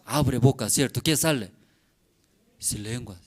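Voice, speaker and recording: A man's voice: mid-range voice, slow. A man who is a pastor, preaching a sermon in short, broken phrases, repeating questions back to the congregation. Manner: simple, broken phrasing peppered with rhetorical questions and "mm?".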